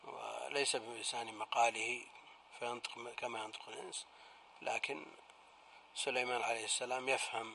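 A sheikh comments on a classical text in a measured, explanatory way. His mid-pitched voice has a gravelly edge. Faint noise sits under the recording. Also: sharp tone. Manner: measured, explanatory, closes points with "yes". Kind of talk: scholarly lesson commentary.

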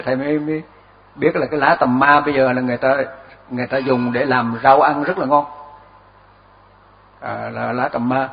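An older Buddhist monk giving a relaxed dharma talk, telling stories with chuckles and repeating his words as he goes. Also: medium pitch, a little hiss or hum. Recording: dull lo-fi recording.

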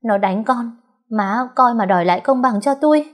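A woman voicing a spoiled, hot-tempered young woman who yells and whines in a shrill voice in an audio story. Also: normal speed, lightly acted. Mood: whining. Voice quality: shrill, shouting. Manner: yelling and whining.

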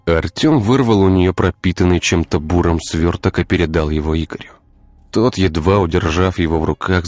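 A man narrating a dark audiobook story in a measured, even reading. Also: low-pitched, no echo.

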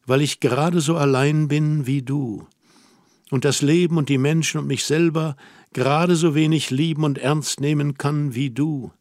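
A man reading the part of a worldly, teasing young woman in an audiobook, gentle and lightly mocking. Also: fairly high pitch, steady tone, moderate pace, dry recording, clean studio sound, natural voice.

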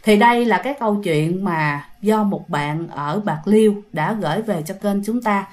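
A woman's voice: medium pitch, moderate pace, darkish tone. A woman with a Southern Vietnamese accent telling a ghost story in a chatty, casual way, addressing her listeners directly.

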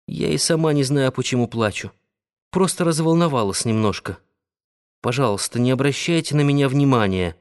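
A man reading the lines of a shy young woman in love, speaking in a timid, halting way. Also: mid-range voice, close to an everyday voice. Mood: tearful.

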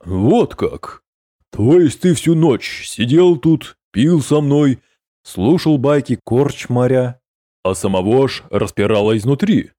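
A man voicing a calm, cold male sorcerer who speaks in a cutting, sarcastic way. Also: mid-range voice, slow, no echo, clean studio sound, voice pushed up.

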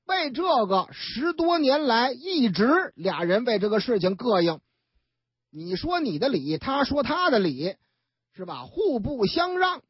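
A woman tells the news like a street storyteller, chatty and full of asides. Her voice sits fairly high and leaps around in pitch, with a husky edge. It's dry and a bit dull, like older broadcast audio. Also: sing-song, a little slow, no echo.

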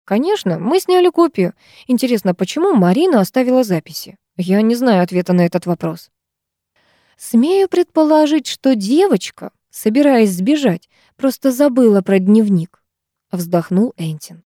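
A woman voicing a calm, measured male psychologist who speaks slowly and soothingly. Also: medium pitch, dry recording, clean studio sound, lightly acted.

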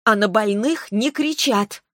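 A stubborn young heroine answers back with a sharp tongue in a fantasy audiobook, as a woman reads her. The voice sounds dry and close. Her manner stays defiant. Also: medium pitch, unhurried, no room sound, pitched above the performer's own voice, lightly acted.

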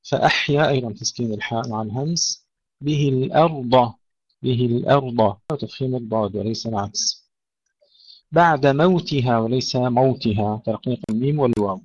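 A man teaching Quran recitation, moving between slow, melodic chanting of verses and brisk explanations of pronunciation. His voice sits at a middle pitch. The recording is dry and dull, lo-fi. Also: no room sound. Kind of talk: tajweed lesson, recitation then explanation.

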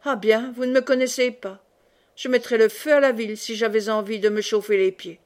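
An ambitious young man, sulky one moment and brash the next, as a woman reads him aloud. The voice stays light and a little high, with a resentful, grasping edge. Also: fairly even intonation, fairly quick, a little mellow, lightly acted. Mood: defiant.

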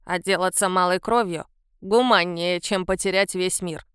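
A woman's voice: fairly low pitch, fairly even intonation, normal speed, a bit bright, smooth, dry recording, clean studio sound, pitched below the performer's own voice, natural voice. A woman voicing a grumbling old man in a checked shirt in an audiobook.

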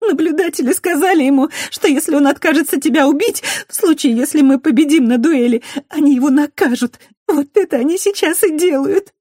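Reader doing a frantic teary young woman, high and loud, dry close sound. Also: a little fast, few pauses, no echo, lightly acted. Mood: tearful. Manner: loud, high, near shouting.

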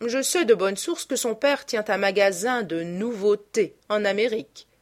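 A woman plays a pompous, radical male politician who lectures with stuffy, earnest self-assurance. Her mid-range voice is pushed up and lightly acted, delivered at normal speed in a lecturing mood.

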